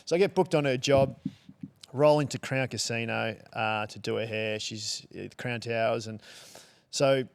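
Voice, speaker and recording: A middle-aged Australian man tells a story as a podcast guest, loose and chatty, dropping swear words and laughing as he goes. His voice sits in an ordinary middle pitch. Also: moderate pace, creaky, smooth. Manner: lively anecdotes with swearing and laughs. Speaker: guest, hairdresser and salon owner.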